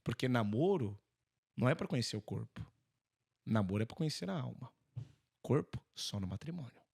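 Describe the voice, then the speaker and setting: Brazilian priest telling animated stories. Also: male voice, mid-range voice, a little fast, creaky, slightly rough. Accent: Brazilian Portuguese. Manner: animated, acts out dialogue in quoted voices. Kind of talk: conversational storytelling in an interview.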